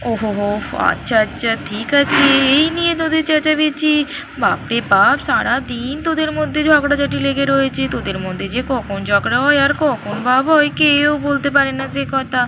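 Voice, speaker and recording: A woman's voice: sits high, natural voice. A woman voicing a practical mother who scolds her quarrelling girls in a doll-play story. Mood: scolding. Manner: brisk, scolding. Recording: steady background noise.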